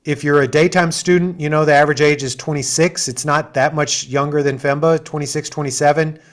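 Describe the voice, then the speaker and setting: Chatty man, slightly high voice. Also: fairly even intonation, fairly quick. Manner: chatty, enthusiastic, many asides and fillers. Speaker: assistant dean hosting an info session. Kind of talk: conversational Q&A on a video call.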